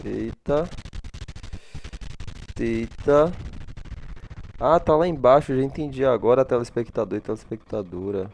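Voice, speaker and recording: Medium in pitch and darkish in tone, this man speaks unhurriedly with long pauses. As host of a gaming channel, he chats to his viewers over a casual narrated gameplay video, holding a back-and-forth with himself and blessing his audience.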